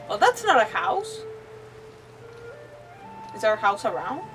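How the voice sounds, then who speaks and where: A young Mexican woman, a native Spanish speaker, chats in a bubbly, giggly, rambling way while livestreaming a game, with game music behind her. Her voice is medium-pitched, captured from a distance in a rough recording.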